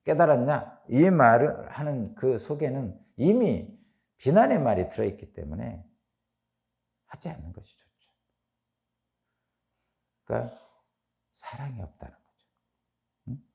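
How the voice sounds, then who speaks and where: A middle-aged male pastor delivers an early morning sermon in a warm, mellow voice with a gravelly edge. His pitch moves widely as he reads scripture and follows it with rhetorical questions. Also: unhurried, pauses often. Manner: reads scripture aloud, then explains with animated rhetorical questions.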